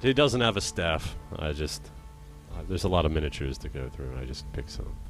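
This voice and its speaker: A man's voice: rumbling low, very animated, normal speed, soft background music. A man acting as game master, narrating a tabletop game in a casual manner. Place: indoors at a game table on an online call.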